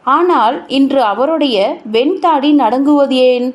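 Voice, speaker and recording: A woman reading a translated short story aloud, unhurried and sorrowful, with emphatic pauses. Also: sits high.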